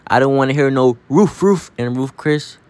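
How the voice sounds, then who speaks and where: A man's voice: medium pitch, normal speed, darkish tone, no echo. A man hosting a comedy skit, talking in slang in a bossy, teasing way.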